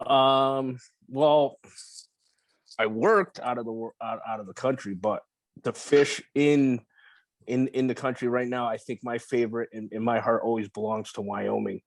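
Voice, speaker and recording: A man's voice: mid-range voice, measured pace, dry recording. Laid-back, profane storytelling guy, dry. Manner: relaxed, profane, rambling with restarts. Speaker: podcast guest. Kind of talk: casual interview storytelling.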